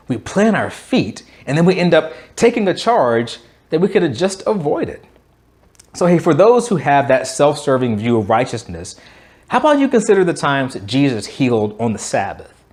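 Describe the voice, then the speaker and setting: A man speaking to an audience of men in a devotional talk. His pitch moves lively up and down as he tells the story in a direct, conversational way. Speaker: host.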